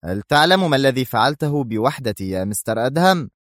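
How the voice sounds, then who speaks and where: A man's voice: medium pitch, animated, a little fast, no room sound, clean studio sound, voice pushed up, close to an everyday voice. A man reading a story, voicing a stern, gloating mercenary general who gets angry. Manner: firm, angry bursts.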